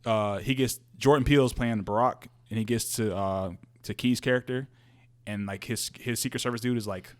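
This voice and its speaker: Casual, swearing young guy co-hosting a podcast, laughs a lot and tells stories in a loose, rambling way, mid-pitched voice. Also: steady tone, normal speed. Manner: loose, profane storytelling that slips into quoted voices; laughs often while talking. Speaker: podcast co-host. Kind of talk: casual chat.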